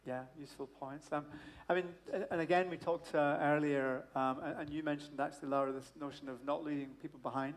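A man's voice: on the high side, fairly even intonation, brisk, hardly any pauses. A middle-aged man moderating a panel discussion on a stage, asking long framing questions into a handheld mic. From Scotland. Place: stage in a large hall.

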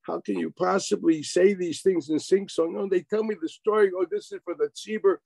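Man, rabbi, high-pitched voice, dry close sound, sarcastic rhetorical questions, video call lecture. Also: fairly even intonation, fairly quick, gravelly, darkish tone, no room sound, poor audio. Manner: sprinkles Hebrew and Yiddish terms. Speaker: rabbi teaching a class. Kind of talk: informal Torah lecture.

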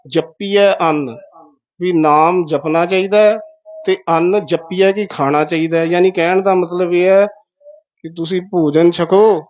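A man teaching the correct recitation of scripture, slowly repeating words syllable by syllable. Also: on the high side, muffled recording. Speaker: Gurbani pronunciation teacher.

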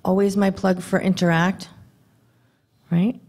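Brisk woman presenting at a podium. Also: mid-range voice, flat delivery, darkish tone. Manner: brisk, conversational, rhetorical questions to the audience. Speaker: government contracting presenter. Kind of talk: conference presentation. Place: dim conference hall. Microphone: podium microphone.

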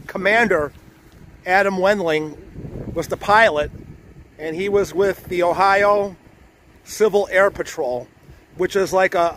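A man with a high-pitched voice hosts a casual food-review vlog, chatting and rambling as he eats at a buffet restaurant before moving outdoors. A faint hiss or hum sits under the recording.

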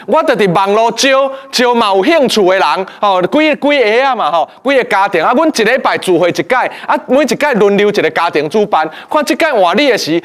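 High-voiced playful male teacher. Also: brisk, few pauses. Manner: lively, playful, quizzing the class. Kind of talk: lecture to a class. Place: classroom.

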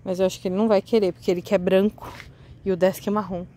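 A woman's voice: mid-range voice, little pitch movement, quick pace, mellow, low-quality recording. A woman, chatting eagerly to her viewers while she shows things outdoors on a street. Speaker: vlogger. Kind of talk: casual vlog walkthrough.

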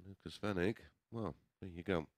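A man's voice: low-pitched, moderate pace, no echo. A man giving sports commentary on a darts match as a broadcast commentator.

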